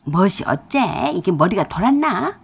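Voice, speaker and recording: A woman's voice: lowish voice, very animated, measured pace, slightly rough, heavily acted. A woman voicing a harsh, scolding mother-in-law. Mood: furious. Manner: harsh, lecturing.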